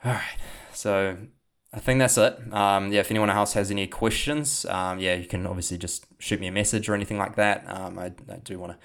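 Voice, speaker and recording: Speaking fairly quickly in a lowish, steady, fairly bright voice, a young man with a New Zealand accent gives casual talk and a podcast outro as host and coach, with many fillers and restarts.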